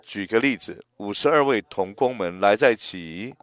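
A man in his eighties preaching a sermon in a gentle, reflective way, often pausing and restarting his phrases. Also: lowish voice, lively intonation, dry recording. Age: 80s.

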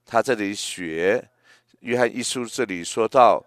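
Older male preacher in his 80s, slow and gentle, lowish voice, dry sound. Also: no room sound. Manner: slow, gentle, reflective, with hesitant restarts. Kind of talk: sermon.

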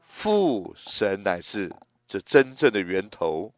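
Gentle man in his eighties, slow sermon delivery, low-pitched and dry. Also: sing-song, dry recording. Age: 80s. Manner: slow, gentle, reflective, with hesitant restarts. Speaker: preacher.

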